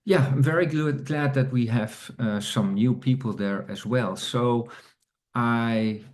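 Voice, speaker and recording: A man's voice: mid-range voice, slow pace, a little mellow. A man hosting an online community meeting over a video call, speaking hesitantly with many fillers and restarts. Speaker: meeting host.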